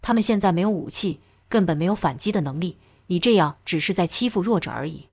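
A woman voicing a tough, blunt, protective man in an audiobook, speaking in a gruff, lowered voice. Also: animated, fast talker, a little mellow, dry recording, studio quality. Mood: firm.

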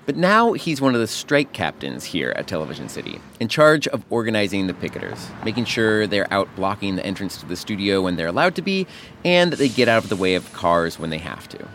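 A man's voice: fairly low pitch, big pitch swings, brisk, a bit bright, slight background noise. A man co-hosting a radio show, narrating in a conversational, scripted way. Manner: conversational storytelling.

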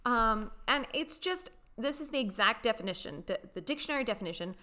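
A woman's voice: fairly high pitch, expressive, a little fast, bright, forceful tone. A British woman co-hosting a podcast in casual chat, wry and prone to quoting people in mock voices. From Britain. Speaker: podcast co-host.

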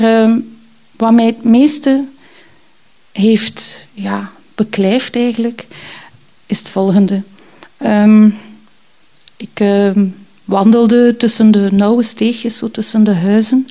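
A woman's voice: mid-range voice, warm tone. A woman telling a personal story in a reflective, hesitant way, with many fillers.

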